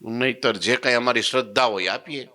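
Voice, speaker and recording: A man voicing a calm, patient male holy master who speaks gently and reassuringly in a sermon story. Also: mid-range voice, brisk, voice pushed up, lightly acted.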